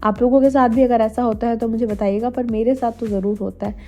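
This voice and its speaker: A young woman from India, slightly hoarse from a cold, chatting to viewers in a casual cooking vlog voice-over. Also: a little high, fairly even intonation, fast, warm tone. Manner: chatty, addresses viewers directly. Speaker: homemaker vlogger. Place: voice-over, not recorded in the pictured kitchen. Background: faint music.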